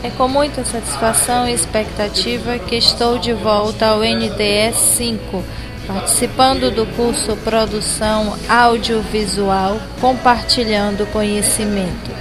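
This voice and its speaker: A woman's voice: on the high side, poor audio. A woman, a biology teacher, giving an earnest, formal recorded self-introduction.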